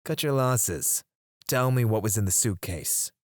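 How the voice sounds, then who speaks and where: The menacing mercenary interrogator in this ASMR roleplay is voiced by a man who taunts low and near the mic, now and then slipping into a whisper. He's animated yet a little slow, and there's no echo.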